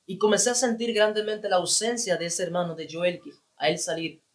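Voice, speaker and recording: Male evangelist, high-pitched, telling his story with feeling and repetition. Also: level tone, fairly quick. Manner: emotional, repeats phrases for emphasis. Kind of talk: personal testimony.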